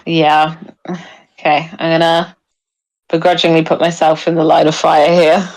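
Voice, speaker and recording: A woman's voice: deep voice, level tone, measured pace, darkish tone, rough recording. A woman playing a tabletop game, chatting casually and thinking aloud.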